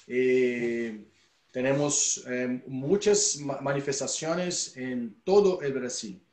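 Man, Brazilian Portuguese accent, halting Spanish-Portuguese mix, slow and deliberate, roomy video call. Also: mid-range voice, a little mellow. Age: middle-aged. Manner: halting Spanish mixed with Portuguese, searching for words; speaks slowly and deliberately. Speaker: musician and performing arts teacher. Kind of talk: informal spoken presentation. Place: small indoor room full of percussion instruments. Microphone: video call, a little away from camera.

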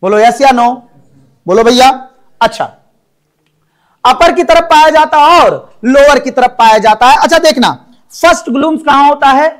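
A man's voice: very high-pitched, moderate pace, pauses often. Male teacher who lectures with lots of coaxing questions. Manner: coaxing, asks students constant questions. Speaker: biology teacher. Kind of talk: classroom lecture.

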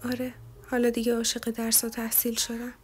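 A woman voicing a grief-stricken young woman, speaking in a breathy, trembling whisper. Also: on the high side, completely flat delivery, faint music behind. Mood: despairing.

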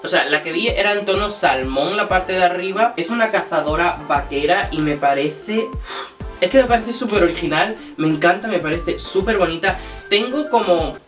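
Young man, slightly high voice, chatty animated haul vlogger, echoey room with music behind. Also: moderate pace, distant mic. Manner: chatty, animated, jokey asides. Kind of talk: casual haul vlog. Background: background music.

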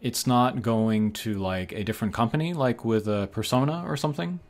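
At a moderate pace and medium pitch, a gaming channel host talks through his mobile game pulls. His remarks are casual and tentative, spoken as he thinks aloud over game music.

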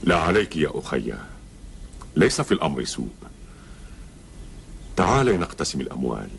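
A man's voice: rumbling low, big pitch swings, fairly quick, creaky, heavily acted. An actor playing a protective, earnest middle-aged Bedouin nobleman in a historical TV drama, speaking formal Arabic with emphasis. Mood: consoling. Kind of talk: solemn classical Arabic historical TV drama acting. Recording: old TV soundtrack with background noise.

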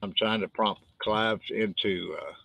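An older West Texas author with a twang chats casually and folksily about his own books on a live stream, rambling as he goes. His voice is fairly low, gravelly, a bit bright and steady, at a measured pace, in a dry recording.

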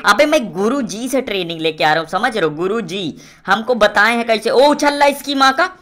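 A man's voice: high voice, brisk. A young man giving live gameplay commentary, boastful and swearing at opponents while calling out to teammates. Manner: excitable, shouting out calls to teammates. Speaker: gaming streamer.

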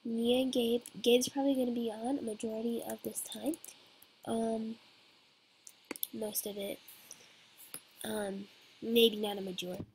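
Let's play host, woman; unhurried, halting delivery full of fillers, faint hiss behind her. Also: on the high side, flat delivery, darkish tone, low-quality recording. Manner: hesitant, rambling, many fillers. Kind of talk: casual gameplay commentary.

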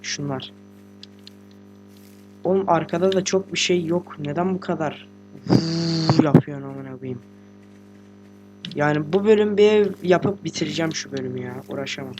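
A teenage boy, a gaming host, giving casual let's-play commentary while sick and talking quietly, chatty, slangy and joking with swearing. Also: fairly high pitch, normal speed, pauses often, background noise. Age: teens. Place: room at home with a computer.

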